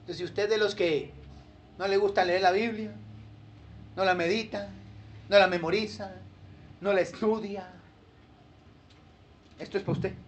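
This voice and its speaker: A man's voice: sits high, unhurried, pauses often, a little hiss or hum. A male pastor, preaching a sermon and acting out churchgoers in playful voices. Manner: animated, acts out churchgoers in funny voices.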